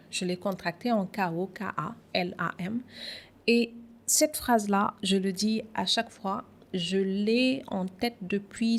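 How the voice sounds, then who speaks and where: A woman from Senegal, a guest on a podcast interview, speaking in a reflective, measured way with some hesitations. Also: medium pitch.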